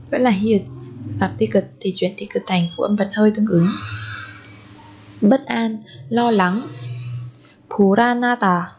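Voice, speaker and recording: A woman teaching Korean vocabulary to Vietnamese speakers, saying each word slowly three times and then explaining its pronunciation. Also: medium pitch, a little mellow, a little hiss or hum. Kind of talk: vocabulary lesson with repeated pronunciation.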